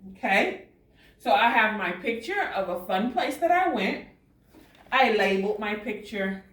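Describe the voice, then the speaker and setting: Woman teacher, lively bright voice, slow sing-song delivery, echoey room, off the mic. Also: mid-range voice, distant mic. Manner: slow, patient and sing-song, stretching words out. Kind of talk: recorded online lesson for young children.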